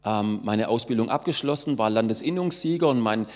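A man's voice: on the low side, animated, fairly quick. Man telling his story in a reverberant hall. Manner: storytelling, acts out quoted voices, many fillers. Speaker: testimony speaker. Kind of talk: personal testimony.

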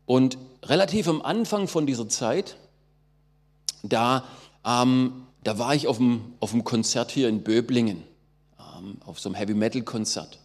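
A man's voice: medium pitch, a little mellow. Man telling his story in a reverberant hall. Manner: storytelling, acts out quoted voices, many fillers. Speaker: testimony speaker. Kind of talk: personal testimony.

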